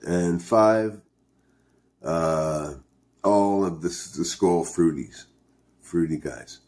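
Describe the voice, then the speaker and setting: Very deep-voiced man, slow casual rambling. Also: darkish tone. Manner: hesitant, thinking aloud. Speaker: video host reviewing dipping tobacco. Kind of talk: casual, rambling vlog chat.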